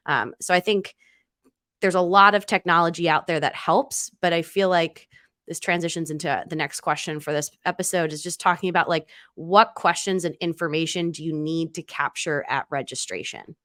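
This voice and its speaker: A woman's voice: sits low, fairly even intonation, normal speed, a bit bright, dry recording, studio quality. A woman co-hosting a podcast, chatting casually with lots of fillers and restarts. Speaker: podcast co-host.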